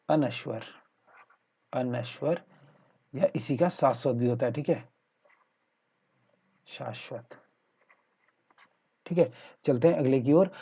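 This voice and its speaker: Husky-voiced man teaching Hindi, lo-fi. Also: medium pitch, mellow. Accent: Uttarakhand Hindi. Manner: repeats "theek hai" constantly, explaining step by step. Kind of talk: exam-prep Hindi lesson. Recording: muffled lo-fi sound.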